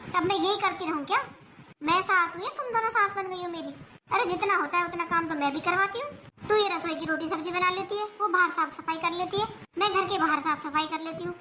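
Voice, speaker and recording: Skit figure: high, bright voice doing a grumbling older mother-in-law, complaining and self-pitying, faint hiss behind. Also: fairly quick. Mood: scolding. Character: nagging older mother-in-law with aching knees. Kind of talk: family comedy skit.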